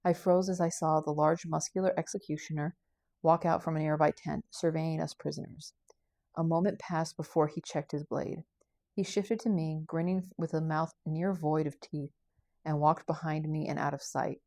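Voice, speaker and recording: A woman author reading her own novel aloud as a steady first-person audiobook narrator. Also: low-pitched, dry recording. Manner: steady, unhurried reading with occasional slips.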